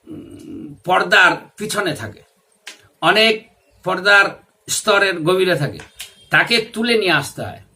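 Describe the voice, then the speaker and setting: A man's voice: sits high, sharp tone. A man, talking in a self-made video monologue, insistent and repetitive, with English phrases mixed in. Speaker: video commentator.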